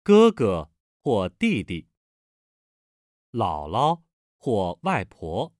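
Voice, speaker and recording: A man reads a language lesson with very slow, careful delivery, every syllable pronounced on its own. His pitch rises and falls widely as he stresses the tones. The studio sound is dry and close. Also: no room sound. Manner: slow, deliberate, careful enunciation of each syllable. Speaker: language textbook reader. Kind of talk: scripted Mandarin lesson reading.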